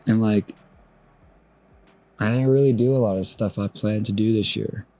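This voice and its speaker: A man in his twenties hosting a solo podcast, talking through his feelings outdoors at sunrise in a soft, musing way that trails off and restarts. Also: on the low side, fairly even intonation, moderate pace, faint music behind. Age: 20s. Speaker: podcast host. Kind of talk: reflective solo podcast monologue.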